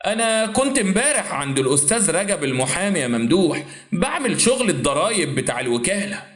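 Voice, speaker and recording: A man's voice: sits high, big pitch swings, fast, echoey room. Man doing a kindly old uncle. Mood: confiding. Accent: Egyptian Arabic. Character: kindly older uncle, calm and sympathetic.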